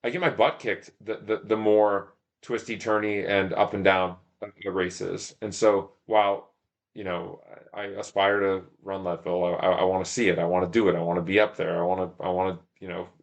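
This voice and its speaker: Speaking in a low, creaky voice with a level tone and a fairly quick pace, a man guests on a podcast. He's an ultramarathon runner who also owns a shop, and he rambles through racing stories in a casual, self-deprecating way, thinking aloud as he goes.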